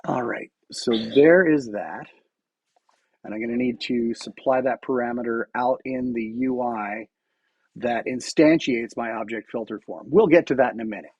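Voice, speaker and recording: A man streams his coding in a muffled recording with no echo, his mid-range voice a little mellow and slightly rough at normal speed. He chats casually as he types, restarting his sentences frequently and leaning on fillers.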